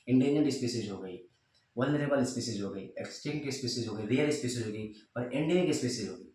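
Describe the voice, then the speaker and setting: A man's voice: medium pitch, far from the mic, slight background noise. A young man teaching a class, with a Hindi accent, talking in a repetitive style and asking rhetorical questions. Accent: Indian, Hindi. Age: young adult. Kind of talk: classroom lecture. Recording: very echoey room, off-mic.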